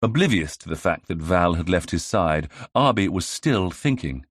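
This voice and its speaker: A man narrating a mystery audiobook in a measured storytelling manner. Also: deep voice, expressive, dry recording, studio quality. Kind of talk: scripted narration.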